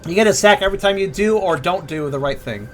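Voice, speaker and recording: A man's voice: high-pitched, animated, quick pace, slight background noise. A man chatting casually and informally, with some swearing, while playing an online game with friends. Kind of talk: casual chat while gaming.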